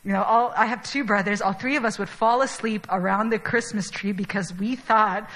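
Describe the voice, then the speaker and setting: A woman's voice: mid-range voice, fairly even intonation, normal speed, a bit bright, low-quality recording. A young adult woman from Chile giving a sermon in a casual, chatty way, with many fillers. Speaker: preacher.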